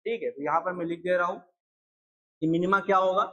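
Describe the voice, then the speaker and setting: A man's voice: high-pitched, brisk, fairly bright tone, lo-fi sound. A young man lecturing on math at a board, repeating points and asking his students questions. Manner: repetitive, asks students questions. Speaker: math teacher.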